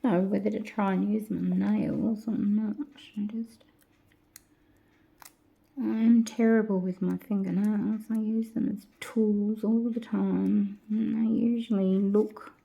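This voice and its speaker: Soft-spoken woman murmuring through a craft project. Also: medium pitch, flat delivery, measured pace, creaky, few pauses, lo-fi sound. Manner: chatty, talks to herself while working, drops into soft whispers. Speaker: crafting tutorial host. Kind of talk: casual craft tutorial narration.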